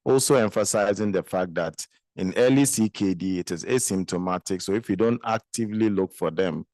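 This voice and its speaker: A Ghanaian man with a deep voice made groggy by flu presents formally at a medical conference. He speaks in a measured, hesitant way as a specialist. The sound is dry, with little room echo. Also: darkish tone. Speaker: guest speaker, specialist physician and nephrologist.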